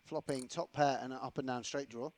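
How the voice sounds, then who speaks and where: A man giving lively play-by-play commentary on a poker match, building excitement at big moments. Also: medium pitch, a little fast.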